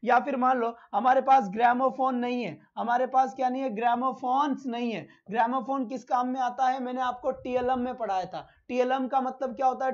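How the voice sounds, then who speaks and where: A man's voice: extremely high pitch, muffled recording. A male teacher giving a live online lesson, who asks his own questions, answers them himself, and calls his students "beta".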